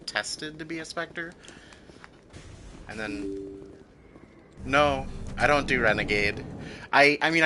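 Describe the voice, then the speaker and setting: A man's voice: fairly high pitch, background noise. A man chatting casually as he comments on a game he is playing. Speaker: gamer commenting on play. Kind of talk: casual playthrough chat.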